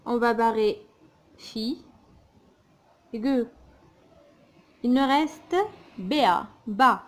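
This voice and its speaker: A woman teaching a children's phonics lesson, slowly and patiently spelling out sounds and syllables. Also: fairly high pitch.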